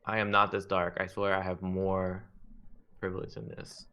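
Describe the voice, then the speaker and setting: Deep gravelly man on a video call. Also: monotone, moderate pace, sharp tone. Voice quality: deep morning voice. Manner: crude joking banter. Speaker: podcast guest. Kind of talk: casual chat on a video call.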